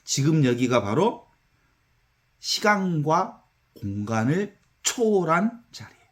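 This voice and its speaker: Animated Korean priest giving a talk. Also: male voice, fairly high pitch, takes it slowly. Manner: conversational, animated storytelling with acted-out counting. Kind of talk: spiritual lecture.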